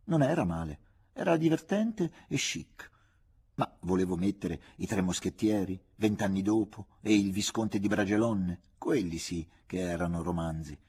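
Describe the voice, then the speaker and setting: A man reading a literary novel aloud as an audiobook, with measured, expressive narration. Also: deep voice, breathy edge. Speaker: audiobook reader.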